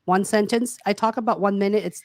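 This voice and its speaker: A woman career coach speaking casually and frankly on a video call, animated and calling out her listeners. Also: medium pitch, a little fast, no room sound. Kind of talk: casual webinar talk.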